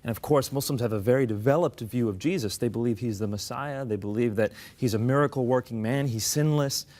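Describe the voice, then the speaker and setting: A man's voice: medium pitch, fairly quick, a little mellow. Earnest man telling his story. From United States. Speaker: interview guest. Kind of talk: conversational interview.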